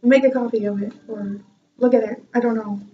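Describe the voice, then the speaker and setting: A young music student chats in her vlog about an embarrassing moment in music class, laughing frequently. Her slightly high voice is brisk with fairly even intonation, and the off-mic recording sounds dull and lo-fi.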